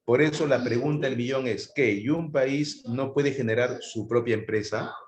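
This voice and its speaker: A man's voice: medium pitch, normal speed. Man lecturing a history class. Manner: conversational, asks students rhetorical questions. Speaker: history teacher. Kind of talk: live online class lecture. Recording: echoey room.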